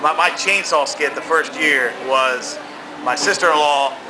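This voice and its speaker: A man's voice: fairly high pitch, unhurried, background noise. A middle-aged American man talking casually in an interview, rambling and repeating himself with emphasis. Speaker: haunted attraction founder being interviewed.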